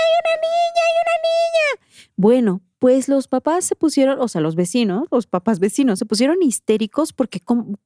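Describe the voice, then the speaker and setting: A woman with a Mexican accent, a podcast host telling a story in a casual, slangy, animated way. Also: a little high, dry recording, studio quality.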